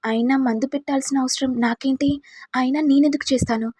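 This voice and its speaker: A woman's voice: high voice, steady tone, a little fast, mellow, husky, no echo, voice pushed up. A woman voicing an accused young wife who protests her innocence and begs not to be thrown out. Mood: desperate protesting. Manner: pleading, protesting.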